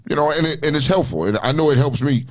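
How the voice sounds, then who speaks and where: A man's voice: a little high, animated, fast. A man in his forties hosting a casual talk show, talking loosely and emphatically and often tagging his points with "you know what I mean?". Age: 40s. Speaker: show host. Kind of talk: casual podcast chat.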